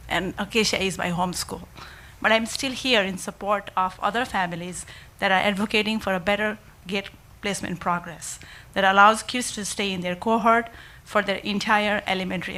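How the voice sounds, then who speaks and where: A woman's voice: medium pitch, sharp tone. A mother, from Nepal, giving an earnest, emotional public comment to a school board at a podium microphone. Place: school board meeting room.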